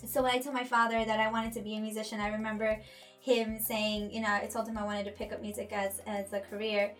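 A woman's voice: mid-range voice, flat delivery, quick pace, a bit bright. A woman in her thirties, born in Ecuador, founder of a music school, telling her story in an earnest way with many fillers and restarts. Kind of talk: casual interview.

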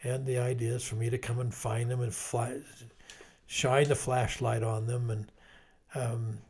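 A man's voice: medium pitch, little pitch movement, a little slow, a little mellow, slightly rough. An older man, a grandfather, chatting casually with his wife, laughing often and restarting sentences. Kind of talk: casual chat.

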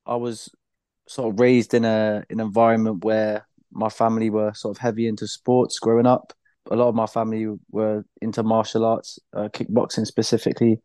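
A young man with a British accent, chatting casually as a podcast guest, relaxed, with easy laughs and loose fillers. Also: fairly low pitch, no room sound. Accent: British English. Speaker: podcast guest, blind footballer. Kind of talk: casual interview chat.

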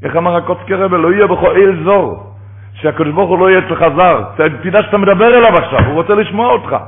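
A man's voice: sits high, creaky. A man preaching a fervent sermon, rising to emphatic cries. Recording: tinny phone-line radio broadcast.

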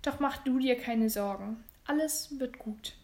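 A woman voicing a calm husband who speaks softly and reassuringly in a storybook reading. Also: on the high side, moderate pace, close to an everyday voice.

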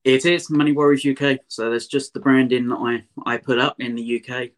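A man's voice: medium pitch, steady tone, fairly quick. A man with an Essex accent chatting casually as an interview guest, plain-spoken and repeating points for emphasis. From Essex, near London, England. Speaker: podcast guest.

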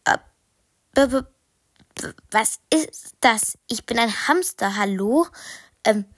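A woman's voice: on the high side, animated, takes it slowly, a bit bright, no echo, studio quality, full character voice. A woman voicing a bold, bossy little female hamster in a storybook. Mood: startled.

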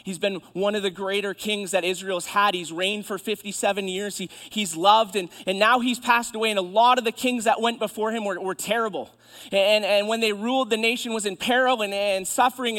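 A man preaching a sermon as pastor, building to loud fervent peaks and then dropping soft and low, often repeating words as he restarts. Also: steady tone, brisk. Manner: builds to impassioned high emphasis, then drops soft and low.

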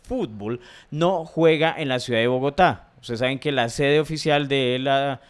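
A man's voice: medium pitch, normal speed, clean tone. A man with a Colombian accent, co-hosting a podcast in slangy, joking casual chat. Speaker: podcast co-host.

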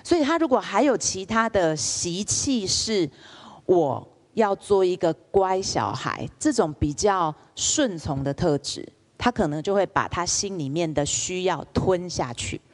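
A woman's voice: lowish voice, normal speed, few pauses. A woman lecturer, telling stories in a public lecture and asking the audience questions. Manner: lively storyteller, asks the audience rhetorical questions.

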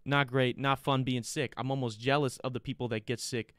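A man's voice: mid-range voice, fairly even intonation, fairly quick, a bit bright, no echo. Stuffy-nosed American man, casual podcast host. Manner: rambling, conversational, repeats himself. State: sick with a blocked nose. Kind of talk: casual chat to listeners.

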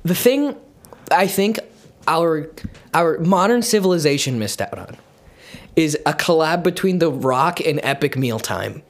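A man co-hosting a casual podcast, pitching ideas with hesitant fillers and restarts. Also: animated, a little slow. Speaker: podcast co-host. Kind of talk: casual chat.

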